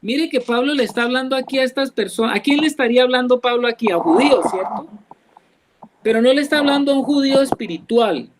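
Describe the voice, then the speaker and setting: A Colombian man with a notably high voice leads a church Bible study. He explains each verse patiently and keeps putting questions to his listeners. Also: fast, background noise. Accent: Colombian Spanish. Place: church, class also joined online.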